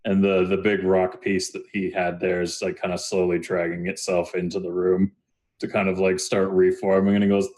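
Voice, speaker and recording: A man's voice: low voice, flat delivery, normal speed, a little mellow. A young man narrating a tabletop game as game master, rambling with many fillers. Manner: rambling, lots of uh and like.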